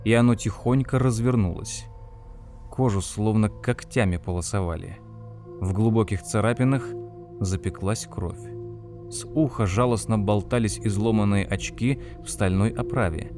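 A man with a voice on the low side narrates a scripted audiobook, reading in a measured, expressive way.

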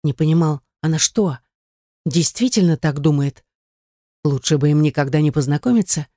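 An audiobook narrator reading a romance novel in a steady, even storytelling voice. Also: mid-range voice, no room sound, studio quality. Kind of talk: scripted narration.

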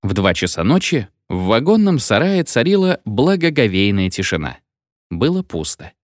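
A man reading satire with lively intonation. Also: medium pitch, moderate pace, dry recording, studio quality. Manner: expressive, theatrical storytelling. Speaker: reader. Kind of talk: reading a satirical short story aloud.

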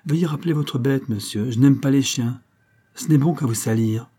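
A man's voice: medium pitch, moderate pace, dark tone, husky, pitched above the performer's own voice, close to an everyday voice. A male narrator voicing a fussy, methodical old accountant who speaks with prim indignation. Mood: irritated.

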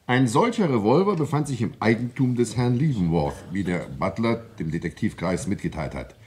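This man voices an authoritative coroner in a German radio crime drama, interrogating inquest witnesses with formal, businesslike insistence. He speaks naturally at a moderate pace, his lowish, darkish voice highly expressive.

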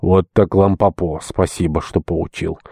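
A man's voice: sits low, level tone, unhurried, vocal fry, warm tone, breathy edge, no echo, studio quality, full character voice. A man voicing a simple, good-natured deacon in an audiobook reading, speaking plainly and without hurry.

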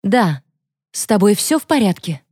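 A woman's voice: medium pitch, sing-song, moderate pace, a little mellow, husky, no echo, studio quality. A woman voicing a friendly young school nurse with a welcoming way of talking.

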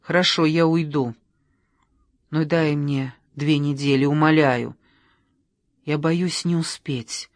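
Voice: mid-range voice, a little slow, no echo, clean studio sound. An audiobook reader voicing a desperate adult woman who pleads in a tearful, begging way.

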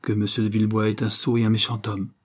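A man voicing a gentle, tearful elderly noblewoman and grandmother in an audiobook, speaking with soft, earnest pleading. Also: fairly low pitch, completely flat delivery, fast talker, lightly acted. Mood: warm, insistent.

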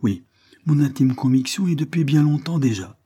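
A man reading aloud voices a calm, firm gentleman lawyer, steady and earnest. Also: mid-range voice, moderate pace, breathy edge, voice pushed up.

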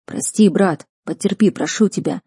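A woman's voice: medium pitch, animated, slow, mellow, slightly rough, no echo, studio quality, pitched above the performer's own voice. A woman voicing a worried, loyal young male friend, urgent and pressing, in a storybook reading.

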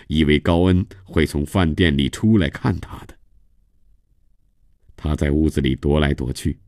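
A male storyteller giving a steady, measured radio reading of a novel in a studio. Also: a bass voice, dry recording. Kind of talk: scripted novel narration.

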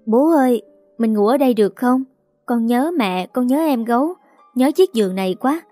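A woman voicing a small chatty daughter who pleads with her parents in a high childlike voice, with soft music behind. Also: animated, moderate pace. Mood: pleading.

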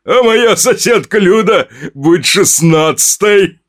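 A man voicing a gleeful bearded axe murderer who gloats in slow shouts. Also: sits high, expressive, voice pushed up. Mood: gloating.

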